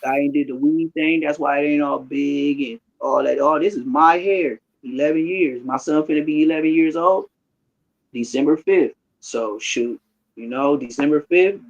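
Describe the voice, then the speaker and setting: A man in his thirties of Haitian background, rambling through a casual, slangy reaction commentary. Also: on the high side. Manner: rambling, slangy, storytelling with restarts. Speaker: streamer reacting to clips. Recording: dull lo-fi sound.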